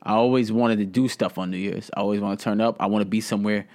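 A man's voice: on the low side, fairly even intonation, fast, darkish tone. A young adult man co-hosting a podcast, playful and teasing in casual chat. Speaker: podcast co-host.

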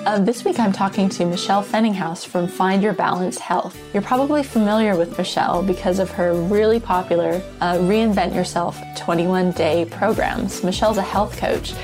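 A woman's voice: medium pitch, normal speed, few pauses, over music. A woman podcast host speaking casually to her listeners. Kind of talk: casual podcast introduction and interviewing.

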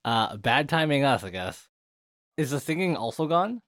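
A man plays a tabletop game in a loose, chatty way, his pitch swinging a lot and landing in the middle. The sound is close and dry. He laughs often and fills gaps with "like" and "yeah". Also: big pitch swings, moderate pace, a bit bright, no echo. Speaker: player. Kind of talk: casual tabletop play.

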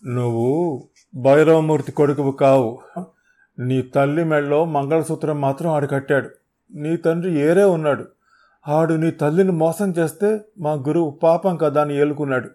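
A man's voice: mid-range voice, moderate pace, natural voice. A man voicing a beaten, frightened male blackmailer who speaks in crude rustic dialect. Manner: crude dialect, pleading and shouting.

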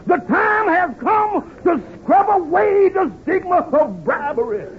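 An actor playing a bombastic, excitable scheming man in a 1950s radio comedy, declaiming and repeating himself. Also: very high-pitched, slow pace, full character voice. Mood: pompous. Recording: muffled, noisy old radio recording.

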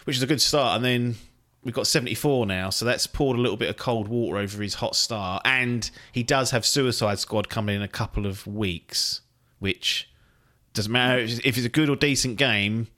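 A man's voice: mid-range voice, moderate pace, pushed and bright. A man hosting a podcast in casual chat, rambling and chatty and swearing freely. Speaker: podcast host.

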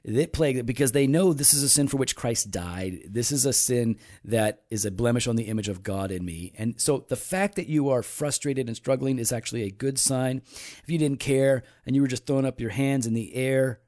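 A man's voice: mid-range voice, fairly quick, darkish tone. Man, forties, podcast co-host, jokey but sincere Bible teacher. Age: 40s. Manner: teasing, jokey, then earnest teaching. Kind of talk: casual faith discussion.

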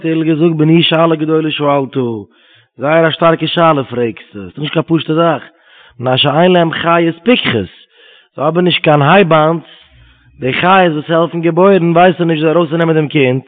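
A man's voice: on the high side, normal speed, soft background music. A man giving a Talmud lesson, reading Hebrew quotes and explaining them in Yiddish. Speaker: Talmud teacher. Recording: tinny phone-line sound.

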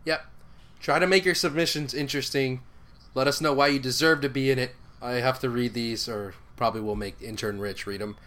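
A man's voice: mid-range voice, steady tone, a little fast, fairly bright tone. Laid-back, joking male podcast co-host. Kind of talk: casual podcast chat.

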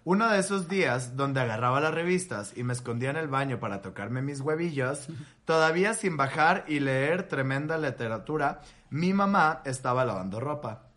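A man's voice: mid-range voice, expressive, moderate pace, fairly bright tone. A man, a podcast co-host chatting crudely and reading a listener's story aloud, with frequent laughter. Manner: joking, crude, laughs often.

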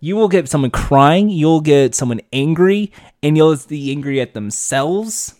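A man's voice: a little high, lively intonation, unhurried, darkish tone, no room sound, studio quality. A man co-hosting a podcast in casual chat, a chatty storyteller who swears casually. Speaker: podcast co-host.

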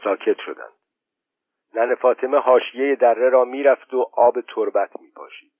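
A man reading an audiobook story in even, measured narration. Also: mid-range voice, husky, no room sound. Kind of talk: scripted narration. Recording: thin phone-like sound, dry.

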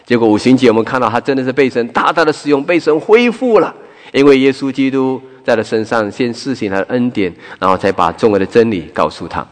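A man pastor giving a sermon, asking the listeners questions and then answering them himself, swinging between loud and soft passages. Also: mid-range voice, animated, quick pace, long reverb tail. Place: church hall.

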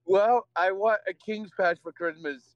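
Phone caller, male, high voice, dull muffled line, eager fan. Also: unhurried, no echo. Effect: over the phone. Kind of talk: casual chat. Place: in a car.

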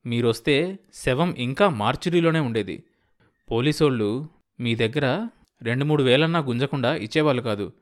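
A man's voice: mid-range voice, normal speed, long pauses, natural voice. A man voicing a worldly, somewhat impatient man who explains things in a matter-of-fact way. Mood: explaining.

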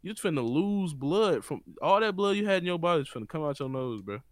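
Animated young man, dry sound. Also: a little high, fast talker, dry recording. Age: young adult. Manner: animated, swearing, repeats words in bursts. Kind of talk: casual slangy chat.

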